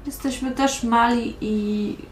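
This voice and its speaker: A woman voicing a young apprentice merchant in a tabletop game, hesitant with many pauses. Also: a little high, fairly even intonation. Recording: echoey room, music behind.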